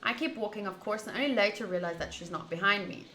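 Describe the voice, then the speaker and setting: Her voice is bright and crisp-edged, medium in pitch, and she talks fast as she streams a visual novel, alternating between reading lines aloud and casual chat. The recording is echoey and roomy, with a faint noise underneath.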